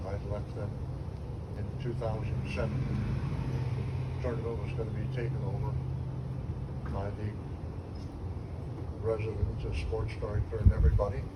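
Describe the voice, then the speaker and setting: Slow-talking man in his nineties. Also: on the low side. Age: 90s. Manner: meandering, loses his train of thought, chuckles between lines. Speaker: former TV station employee speaking at an event. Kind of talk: rambling reminiscing speech. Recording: distant mic with noisy background.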